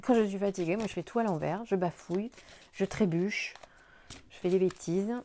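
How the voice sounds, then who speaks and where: A tired woman talks through a tarot reading to camera at an easy pace. She sounds gentle and reassuring, now and then stumbling over her words and restarting. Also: mid-range voice, moderate pace, slight background noise. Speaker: tarot card reader.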